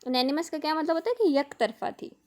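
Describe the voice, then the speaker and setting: A woman teaching a grammar lesson for exam preparation. She explains each rule step by step, reads the English example sentences slowly and carefully, and often checks in with her students. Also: high voice, lively intonation, darkish tone. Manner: explains in Hindi-Urdu mixed with English terms.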